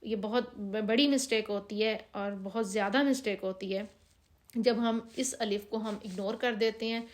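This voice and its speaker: A woman with a Pakistani Urdu accent teaching Quran reading, explaining rules step by step and slowly drawing out each practice word. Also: medium pitch, steady tone. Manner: patient, drawn-out reading of practice words. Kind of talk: step-by-step recitation lesson.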